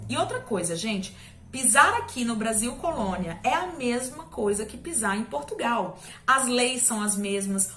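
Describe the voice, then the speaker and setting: A Brazilian woman gives a recorded history lesson, her fairly high voice chatty and full of quick check-ins with her students. She jokes lightly as she explains. The room around her rings with echo. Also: fairly bright tone. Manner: chatty and conversational, addressing students directly with frequent "tá?" and jokes. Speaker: history teacher. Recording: echoey room.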